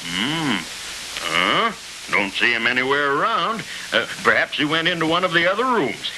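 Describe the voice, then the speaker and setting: An actor playing a kindly, jolly old Santa Claus, genial and courteous, in old-time radio children's serial style. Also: male voice, fairly high pitch, very animated, moderate pace. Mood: concerned, amused. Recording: hissy old radio recording.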